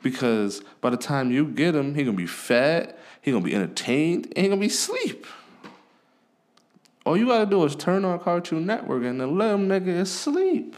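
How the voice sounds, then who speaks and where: A man's voice: fairly high pitch, big pitch swings, moderate pace, a little mellow. A man hosting a podcast, talking in a blunt, profane, casual rant. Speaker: podcast host. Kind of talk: casual ranting monologue.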